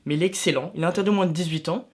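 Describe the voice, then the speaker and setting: A man's voice: fairly high pitch, very fast. A young man from France chatting casually to his viewers, recommending films and series with self-mocking asides. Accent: French. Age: young adult. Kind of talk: casual vlog talking to camera.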